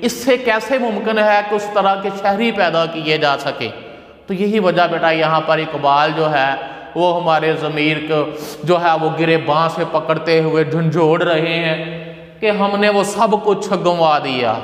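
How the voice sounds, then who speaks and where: A man's voice: on the high side, a little slow. Man lecturing in an echoey hall. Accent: Pakistani Urdu. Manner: addresses students as "beta", repeats and glosses words; recites verses in a chanting lilt. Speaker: college Urdu teacher. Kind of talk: classroom lecture explaining poetry. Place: classroom. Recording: echoey classroom with long reverb.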